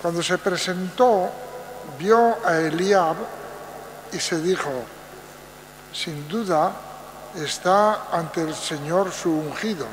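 Older male lay reader, lectern mic, echoey church, faint mains hum. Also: sits high. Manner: very slow, measured, deliberate phrasing. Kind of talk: liturgical Bible reading. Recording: roomy church echo, long reverb, faint mains hum.

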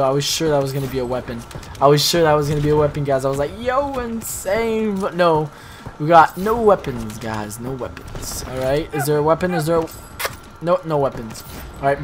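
A young man giving casual, slangy commentary while opening loot in a video game, excitable and rambling. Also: fairly high pitch. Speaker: gaming YouTuber.

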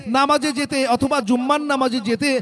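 Very high-pitched Bangladeshi man, hard-sell ad. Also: steady tone, normal speed, fairly bright tone. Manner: insistent, repetitive sales pitch urging listeners to hurry. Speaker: sales announcer for a promotional vehicle. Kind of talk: hard-sell promotional ad announcement.

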